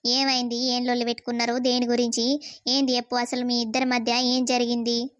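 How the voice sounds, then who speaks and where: A woman's voice: fairly high pitch, completely flat delivery, fairly quick, a bit bright, no echo, natural voice. A woman voicing a worried, nagging mother-in-law in a cartoon, questioning her son with a Telangana Telugu accent. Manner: questioning, scolding. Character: worried middle-aged mother-in-law, nagging but caring. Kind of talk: animated cartoon voice acting.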